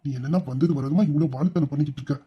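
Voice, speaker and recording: A man's voice: fairly high pitch, very fast, husky, muffled recording. A man playing a teasing, scolding husband. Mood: complaining. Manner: mock-stern and teasing. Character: teasing, scolding young husband and office boss. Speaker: hero of an audio drama. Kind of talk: Tamil audio drama acting.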